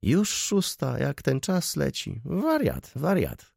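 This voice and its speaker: A man voicing a gray-haired elderly councillor who mutters slowly and dismissively, with a husky voice. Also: lowish voice, big pitch swings, darkish tone, no room sound, studio quality, full character voice. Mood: grumbling. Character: gray-haired elderly male councillor, grumbling beer drinker.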